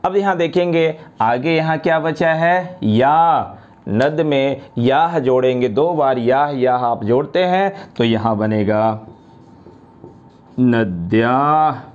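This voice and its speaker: Slow, patient male grammar teacher. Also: medium pitch, darkish tone, muffled recording. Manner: slow, drawn-out recitation of word forms; addresses students directly, repeats each form. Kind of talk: classroom grammar lesson.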